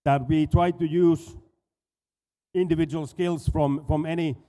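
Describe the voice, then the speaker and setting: At an expo, a Finnish conference speaker in his forties who owns a dive school talks casually from the stage in a Finnish accent. His voice leans high, steady and dark, and although he is unhurried, he keeps stumbling and repeating words.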